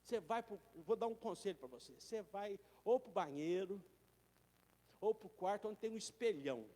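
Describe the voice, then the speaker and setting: A pastor preaching with a very high voice that rings out under a long church reverb. He calls his listeners brothers and talks straight to them. He drops to quiet asides, then rises to loud, urgent exhortation. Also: expressive, moderate pace. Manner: addresses listeners directly as brothers. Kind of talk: sermon.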